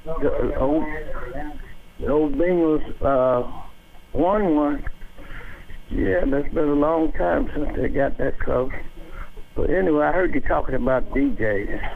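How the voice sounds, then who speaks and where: A man's voice: slow pace, vocal fry, long pauses. A man phoning in to a radio talk show, his voice muffled and dull on the line, hesitant and restarting his sentences. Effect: muffled phone line with only low, dull sound. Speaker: radio call-in caller. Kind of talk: casual chat. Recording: muffled tinny phone line.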